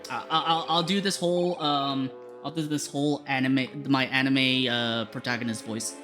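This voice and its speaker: A woman's voice: rumbling low, fairly even intonation, moderate pace, over music. A woman game streamer chatting casually with her viewers.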